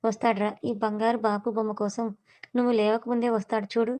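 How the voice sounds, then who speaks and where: A woman storyteller voicing a gentle young sister-in-law soothing a crying bride. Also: a little high, level tone, a little fast, no room sound, natural voice. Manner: soothing and reassuring.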